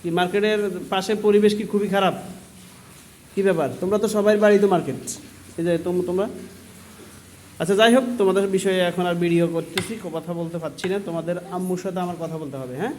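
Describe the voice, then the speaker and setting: A young male primary school teacher in a classroom, calling pupils forward one by one and questioning them about their handwriting and homework, firm but gentle in manner. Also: sits high, fairly even intonation, a little fast, slight background noise.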